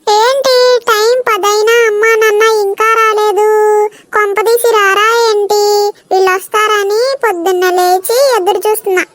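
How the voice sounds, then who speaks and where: A woman's voice: extremely high pitch, little pitch movement, normal speed, background noise. A woman voicing a young, homesick hostel schoolgirl in a cartoon, pleading and a little whiny. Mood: worried. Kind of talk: cartoon voice acting.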